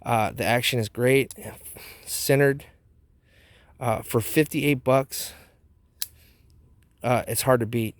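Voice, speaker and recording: A man's voice: mid-range voice, fairly even intonation, slow pace, pauses often, dry recording. A man hosting a casual product review vlog outdoors, talking with a wad of chewing tobacco dip in his mouth. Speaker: knife review channel host.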